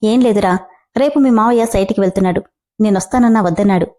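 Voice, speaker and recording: A woman's voice: medium pitch, fast, warm tone, natural voice. A woman reading the lines of a scheming, sarcastic middle-aged man. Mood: sneering. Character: scheming, sneering middle-aged brother-in-law.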